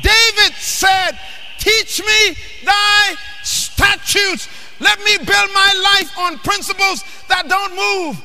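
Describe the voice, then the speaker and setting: A man from the Bahamas, preaching a sermon emphatically, questioning the crowd and often shouting. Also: extremely high pitch, slow pace, slight background noise. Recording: long hall reverb.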